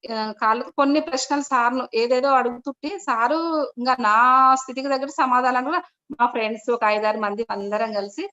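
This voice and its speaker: Her voice fairly high, quick, and a bit bright, a middle-aged woman recounts her meditation experience as testimony to an online gathering. She wanders through the telling with many restarts and repeated courteous address, and the video call audio is dull and lo-fi.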